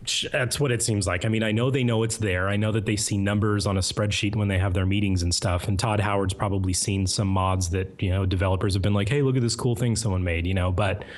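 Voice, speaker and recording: A man, a guest mod author, giving long, even-tempered answers in a casual interview. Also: lowish voice. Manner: measured, hedging, lots of fillers.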